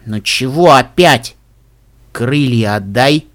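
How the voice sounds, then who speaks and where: Dude doing a low grumbly pony big bro, dry and reproachful, sulks a lot. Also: male voice, expressive, slow, a bit bright. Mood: grumpy. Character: grumpy winged big-brother pony, stern but soft.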